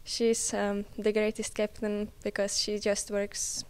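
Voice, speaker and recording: A Czech college tennis player in her early twenties answers interview questions in non-native English with a Czech accent. Her medium-pitched voice is monotone, slow, smooth and a little mellow.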